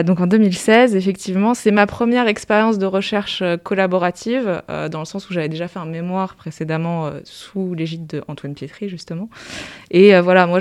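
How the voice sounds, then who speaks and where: A woman speaks as a guest researcher in a smooth, clear voice. She answers questions at an unhurried, hesitant pace with many fillers. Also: lowish voice, darkish tone. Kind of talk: conversational interview.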